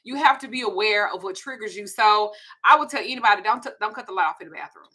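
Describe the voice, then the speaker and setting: A woman's voice: medium pitch, quick pace, pushed and bright, husky. A woman in her forties with a Southern US accent, hosting a candid, profane, confiding casual chat. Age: 40s. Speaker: host.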